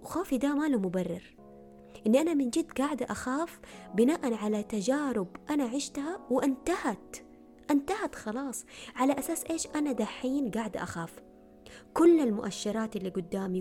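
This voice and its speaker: A woman's voice: fairly high pitch, dark tone. A woman giving earnest self-help advice in a casual talk to camera, often repeating words for emphasis.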